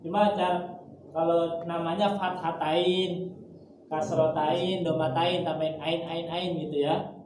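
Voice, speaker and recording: A man with a high voice teaches Quran reading to a group, speaking slowly and repeating each rule with patience. He draws out the example words in a slow chant. He is heard from far off in a very echoey, noisy room. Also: little pitch movement. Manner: patient, repeats rules and drills syllables. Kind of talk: informal classroom teaching. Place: gathering room with students.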